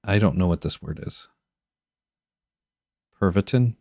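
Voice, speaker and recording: A man hosting a casual chat on a video call, halting, with many restarts and fillers. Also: sits low, darkish tone, no echo, clean studio sound. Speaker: host.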